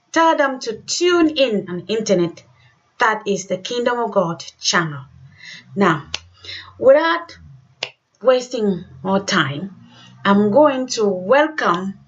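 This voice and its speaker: Emphatic woman radio host, dull lo-fi sound. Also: medium pitch. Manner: emphatic, repeats phrases. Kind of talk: exhortatory religious radio introduction.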